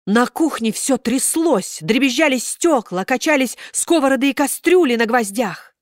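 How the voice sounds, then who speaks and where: A woman narrating a children's story in a lively, dramatic reading style. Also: sits high, moderate pace, dry recording, studio quality.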